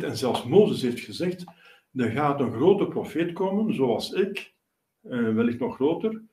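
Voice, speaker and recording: A man's voice: medium pitch, warm tone. A male priest preaching a sermon, explaining at length with many fillers and restarts. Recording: roomy echo, voice from a distance.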